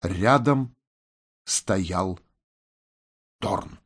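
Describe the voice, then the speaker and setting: A man narrating a fantasy audiobook in a steady, dramatic reading. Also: deep voice, extremely slow, slightly rough.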